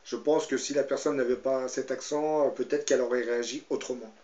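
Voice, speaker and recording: A man speaks in a mid-pitched voice, part commentary and part Bible storytelling. He hesitates often and fills his sentences with fillers and tag questions. The recording is echoey and a bit muffled. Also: steady tone, brisk, dark tone. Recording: roomy, slightly dull sound.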